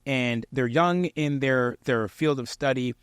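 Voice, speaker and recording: A man giving instructional tips straight to the listener in a clear, projected presenter's delivery, conversational yet emphatic and encouraging. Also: medium pitch, measured pace, dry recording, studio quality. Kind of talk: conversational instructional talk to camera.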